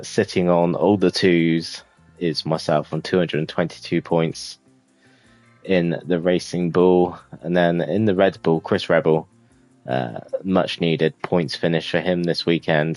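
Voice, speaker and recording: A man casually commentating his own racing management game, relaxed and rambling with many fillers. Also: sits low, unhurried, no room sound, faint music behind. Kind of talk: casual let's-play commentary.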